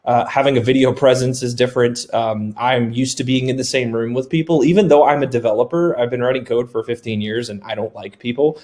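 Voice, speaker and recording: A man in his thirties speaks on a webinar panel with a mid-range pitch. He rambles a little, is candid, and jokes at his own expense. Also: fairly quick, hardly any pauses, a little mellow. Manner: candid, rambling, self-deprecating humor. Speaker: software developer, company founder. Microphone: video call.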